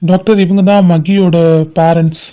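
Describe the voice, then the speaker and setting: A woman voicing a quiet young man in a cartoon drama, reassuring others in a hesitant way. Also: fairly low pitch, fairly even intonation, normal speed, close to an everyday voice.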